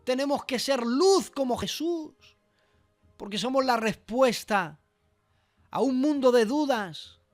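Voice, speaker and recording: A man with a high voice delivers an earnest sermon at an unhurried, deliberate pace, pressing his points with rhetorical questions. Soft music plays faintly behind him. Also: expressive. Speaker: preacher. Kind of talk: sermon preached over a walkie-talkie app service.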